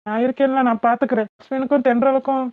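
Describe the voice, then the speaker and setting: A woman's voice: high-pitched, little pitch movement, quick pace, dry recording, natural voice. A woman voicing a dutiful young adult eldest son in a cartoon, earnest and reassuring, with a southern Tamil Thoothukudi accent. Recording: tinny phone-like cartoon audio.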